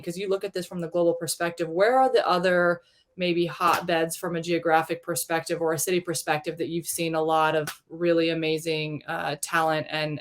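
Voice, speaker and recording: Woman host, low-pitched voice, effusive, upbeat interview chat. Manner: enthusiastic, effusive with praise.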